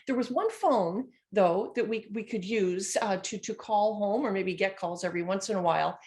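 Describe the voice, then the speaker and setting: A woman's voice: medium pitch, normal speed, darkish tone. A woman in her sixties, originally from Scotland, chats as a guest on a video call and reminisces with fillers and restarts. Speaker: guest, former student now faculty. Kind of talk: casual interview over video call.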